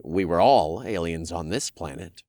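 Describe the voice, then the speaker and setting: A man's voice: sits low, unhurried, a little mellow, no room sound, studio quality. A man narrating a fantasy audiobook in the first person, with wry storytelling.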